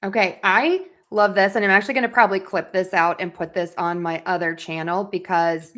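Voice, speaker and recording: A woman's voice: lowish voice, steady tone, a little fast, a bit bright. A woman hosting an interview, a voice coach who talks with enthusiasm and encouragement. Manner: enthusiastic, encouraging, often says she loves it. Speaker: podcast host and voice coach. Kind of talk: casual interview chat.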